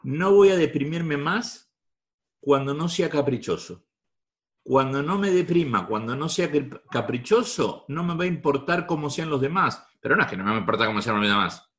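A man's voice: on the high side, expressive, moderate pace, a bit bright. A man with a Rioplatense Spanish accent giving a repetitive, emphatic talk to a live audience. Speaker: motivational speaker.

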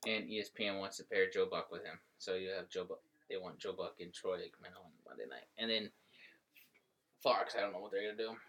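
A man with a fairly low voice joins in a casual sports chat, tossing out teasing jokes and playful asides. His delivery is loose and bantering. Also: fairly quick, sharp tone, a little hiss or hum. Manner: joking banter. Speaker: sports talk co-host.

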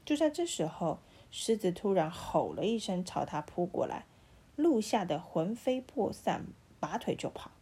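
Mellow, husky woman reading bedtime stories. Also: fairly low pitch, unhurried. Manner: gentle, animated storytelling.

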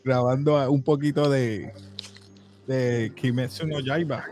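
A man's voice: medium pitch, steady tone, unhurried, mellow, a little hiss or hum. A man co-hosting a casual anime talk show, joking and acting out character lines. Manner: playful, acts out character quotes. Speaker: podcast co-host.

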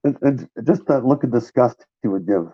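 A podcast co-host chats casually about wrestling, agreeable and easygoing, often starting his sentences over. His voice is medium-pitched and slightly rough, his pace moderate, and the lo-fi recording sounds dull and dry.

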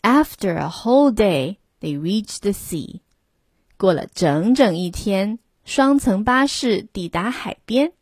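A woman reading a children's picture book aloud, slowly and gently, lifting her voice for the characters. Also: medium pitch, lively intonation, breathy edge, no echo. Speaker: storyteller.

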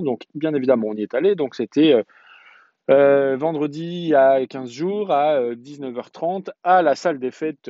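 A man in his thirties or forties telling a personal story in a casual podcast monologue, halting often on fillers and restarts. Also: mid-range voice, dark tone, no room sound, highs cut off. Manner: hesitant, chatty storytelling with many fillers and restarts.

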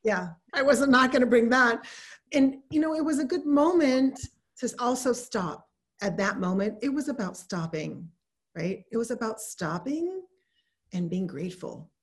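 A woman's voice: on the high side, lively intonation, unhurried. A woman guest in a casual chat, telling her story in an earnest, emphatic way.

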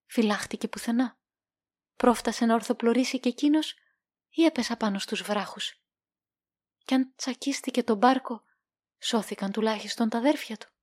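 A woman narrating a literary short story as an audiobook, reading in a measured, calm way. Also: fairly high pitch, no room sound, clean studio sound.

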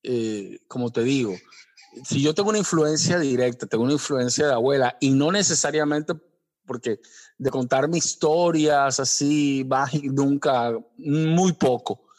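A man with a Colombian Caribbean Spanish accent talks as an author being interviewed. His voice sits at a medium pitch. He speaks reflectively, circling back to repeat and reword his phrases as he goes. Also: darkish tone. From Caribbean coast of Colombia. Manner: halting, often repeating and rephrasing.

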